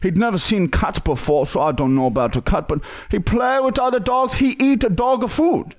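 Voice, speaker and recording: On a prank call, a young man puts on a pushy foreign character with broken English, pleading and stumbling through hesitant fillers. His voice sits high, his pace is moderate, and the performance is lightly acted, captured with a boom-mounted podcast mic in a small studio room.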